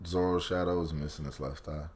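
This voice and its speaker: A man's voice: rumbling low, fairly even intonation, brisk, a little mellow, a little hiss or hum. A man co-hosting a casual anime podcast, laid-back and agreeable as he chats along. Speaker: podcast co-host.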